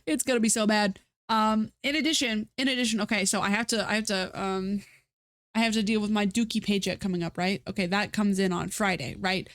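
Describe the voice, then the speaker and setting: Live streaming casually from home with a stuffy nose, a woman rambles and restarts, peppering her talk with fillers and self-mocking asides. Her middle-pitched voice is a little stuffy and a bit bright, steady in tone, and a little fast. The sound is close and dry, without room echo.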